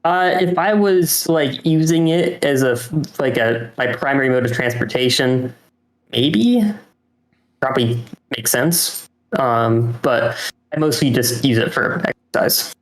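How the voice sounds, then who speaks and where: A man's voice: mid-range voice, measured pace. Hesitant man chatting in an echoey room. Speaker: podcast co-host. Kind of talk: casual chat.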